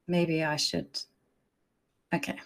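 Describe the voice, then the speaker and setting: A woman's voice: deep voice, little pitch movement, slow pace, vocal fry, fairly bright tone. A woman streaming her chess games, chatting casually and thinking aloud as she plays. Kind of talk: casual live-stream commentary.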